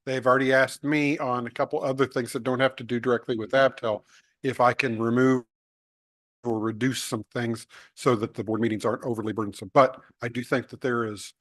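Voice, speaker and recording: A staff member briefing an advisory board at a public meeting, pausing often and searching for the right words. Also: male voice, mid-range voice, fairly even intonation, no room sound, clean studio sound. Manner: searching for words, many uh fillers.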